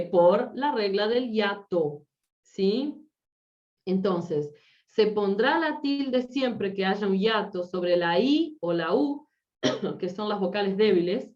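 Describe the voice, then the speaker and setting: Patient woman teacher on a dull, distant mic. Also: mid-range voice. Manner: explains patiently, checks understanding with frequent "¿sí?". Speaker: Spanish teacher. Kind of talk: online class lecture.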